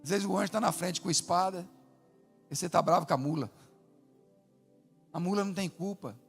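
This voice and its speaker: A man preaching a sermon as pastor, animated, swinging between loud calls and hushed asides. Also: sits high, brisk. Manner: animated preaching with acted quotes, rising and dropping to a hush. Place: large church hall. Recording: long hall reverb with faint music.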